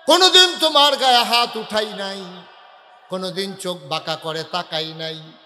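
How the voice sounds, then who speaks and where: A man voicing a concerned husband who calls out in raised, drawn-out phrases during a sermon. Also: high-pitched, bright, forceful tone. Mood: anxious calling. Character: gentle, concerned husband calling out. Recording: echoey hall, long reverb.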